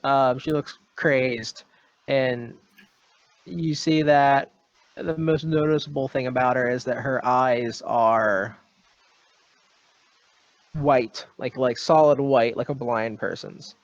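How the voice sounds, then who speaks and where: Man game master, gravelly voice, rambling hesitant narration, dry dull lo-fi sound. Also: medium pitch, steady tone, slow, pauses often, dry recording. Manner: hesitant, rambling, full of ums and kinda. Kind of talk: narrating a tabletop horror game.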